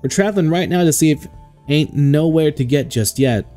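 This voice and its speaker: A man's voice: fairly high pitch, normal speed, warm tone, soft background music, voice pushed up, lightly acted. Man putting on a drawling southern hostess. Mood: sweet-talking. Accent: Southern US (put on). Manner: drawling, calls people sugar and sweetheart. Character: flirty southern hostess woman, sweet-talking.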